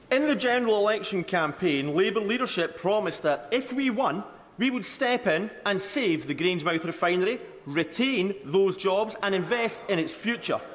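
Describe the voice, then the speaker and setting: A man putting an earnest, forceful question in a formal parliamentary setting, projecting his voice. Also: sits high. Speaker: member of parliament. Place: large indoor parliament chamber. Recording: reverberant debating chamber.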